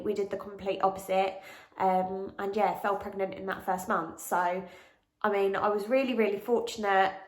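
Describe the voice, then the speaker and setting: A pregnant English woman in her late twenties, a vlogger, chats frankly in a casual pregnancy Q&A with lots of ums. Her mid-range voice sounds bunged-up and nasal from a cold, and she is a bit out of breath. The room is echoey.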